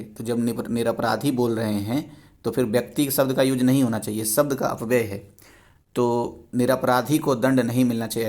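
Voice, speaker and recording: Hindi teacher explaining exam answers. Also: male voice, medium pitch. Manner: explanatory, repeats words to correct spelling. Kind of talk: exam revision lesson.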